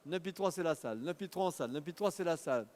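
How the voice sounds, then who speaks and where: A man's voice: fairly high pitch, expressive, a little mellow. A man working as an auctioneer, calling bids in a rhythmic, urging patter at a live car auction in an auction hall. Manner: rapid rhythmic bid calling, urging bidders. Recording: long hall reverb.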